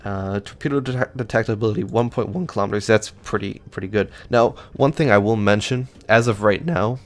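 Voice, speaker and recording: Fairly low in pitch and talking somewhat quickly, a gaming channel host walks through ship stats in a loose, meandering way. He often restarts his sentences and leans heavily on fillers.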